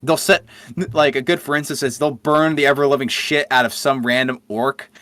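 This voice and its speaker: Guy on a podcast rambling lore, bright forceful voice, dry close mic, lots of swearing. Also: medium pitch, steady tone, moderate pace, no echo. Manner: profane, enthusiastic storytelling. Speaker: podcast co-host. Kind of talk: casual lore chat.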